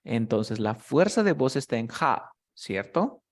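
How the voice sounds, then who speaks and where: A man's voice: medium pitch, sing-song, a little slow. Patient man teaching grammar step by step. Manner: patient, explains step by step, often checks understanding. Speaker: English teacher. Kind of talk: one-on-one grammar lesson.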